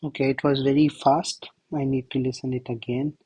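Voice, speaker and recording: A man tutoring German in a slow, think-aloud walkthrough, who is not a native speaker of German. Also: medium pitch, little pitch movement, mellow, husky, dry recording, poor audio. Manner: slow, thinking aloud while writing answers. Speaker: language tutor. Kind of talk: self-study lesson walkthrough.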